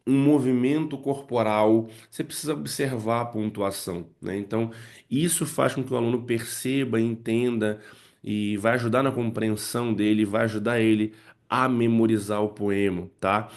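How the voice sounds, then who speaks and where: A mid-range male voice with vocal fry and a darkish tone walks parents and teachers through using poems in English lessons. He explains each step and keeps checking in with listeners through frequent "né" and "tá."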